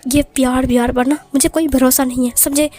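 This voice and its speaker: A woman's voice: high-pitched, little pitch movement, fairly quick, dark tone, soft background music. A woman voicing a short-tempered young male mafia boss who snaps and threatens. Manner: snapping, threatening, bossy.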